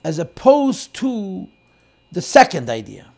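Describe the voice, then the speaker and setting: A man's voice: sits high, huge pitch swings, slow, vocal fry. Man teaching a Chassidic text class. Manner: explains in English mixed with Hebrew and Yiddish terms, varying emphasis; quotes and translates lines of text, swings loud and soft. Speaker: Torah teacher.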